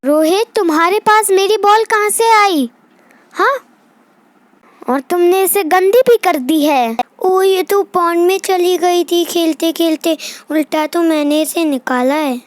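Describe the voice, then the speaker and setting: A woman voicing a chatty, bossy young girl in a toy doll play, in a slow sing-song childlike way. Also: extremely high pitch, no echo.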